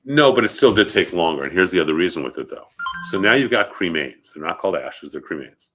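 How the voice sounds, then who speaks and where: Against some background noise, a rabbi with a low-sitting, expressive voice talks fast about funeral customs. He has a head cold and sniffles a little, keeping the lecture conversational and frequently checking in with short questions.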